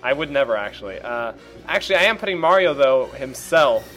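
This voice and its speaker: Casual male podcast host, mid-pitched, jokey and laughing often, faint music underneath. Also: very animated, brisk, pushed and bright. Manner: laughing, joking, loose.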